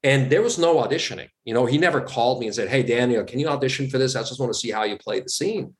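A Swiss actor with a Swiss German accent chats casually as an interview guest, animatedly telling stories and acting out the quoted dialogue. His mid-range voice moves fast.

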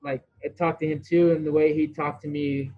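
Man guest, fairly high voice, animated storyteller, muffled lo-fi sound. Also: moderate pace, slight background noise. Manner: animated, rambling storyteller who restarts and swears. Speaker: guest, former baseball pitcher. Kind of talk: casual storytelling interview.

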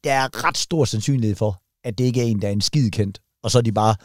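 A man's voice: on the low side, dry recording, clean studio sound. A man, co-hosting a podcast, riffing in a rambling, crude way. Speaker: podcast co-host, comedian. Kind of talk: casual banter.

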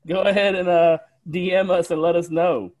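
Dude hosting a podcast, bit of a higher voice, chatty and informal. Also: male voice, little pitch movement, moderate pace, darkish tone. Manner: informal, bantering. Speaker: podcast host. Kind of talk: casual chat.

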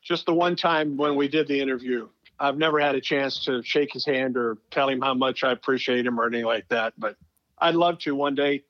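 A middle-aged sports broadcaster, guesting in an interview, spins conversational stories and stresses phrases for emphasis. He speaks at medium pitch, a little fast and fairly evenly. The audio is dull, with no room sound.

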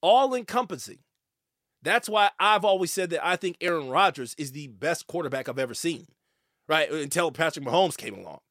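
A man hosting a sports talk show, giving animated, opinionated commentary and stammering when worked up. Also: fairly high pitch, normal speed, no echo, clean studio sound.

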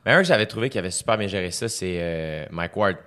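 A man's voice: low-pitched, expressive, quick pace, bright, forceful tone, clear, resonant tone. A man with a Québécois French accent hosting a podcast, chatting casually and telling stories with many fillers. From Quebec. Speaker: podcast host. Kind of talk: casual conversation.

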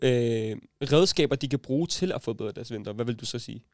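A man's voice: mid-range voice, lively intonation, a little mellow, no room sound, studio quality. A young man hosting a casual podcast chat, teasing his friends and mixing English slang into his talk. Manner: teasing, laughs often, mixes English slang. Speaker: podcast host.

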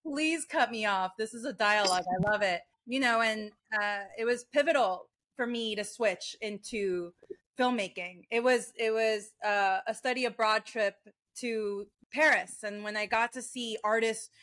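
A woman from Venezuela, a filmmaker guest in a podcast interview, telling her story in an animated, reflective way. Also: fairly high pitch, unhurried.

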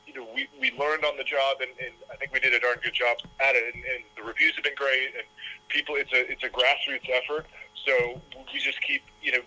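A man, a documentary filmmaker, telling his story in an interview with quick, stumbling restarts. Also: medium pitch, sharp tone, rough recording. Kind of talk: casual interview talk.

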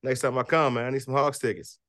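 A man, a basketball coach, speaking as a guest in a casual interview, with halting phrasing and frequent fillers. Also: mid-range voice, steady tone, a bit bright, dry recording, studio quality. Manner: halting, many fillers and restarts.

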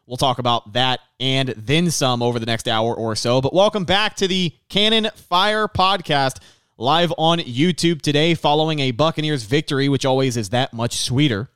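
A male podcast host recaps a game in a polished, presenter-like manner. His voice is clear and resonant at a middling pitch. He is recorded close and dry. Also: normal speed, a bit bright, no echo. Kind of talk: live post-game recap talk.

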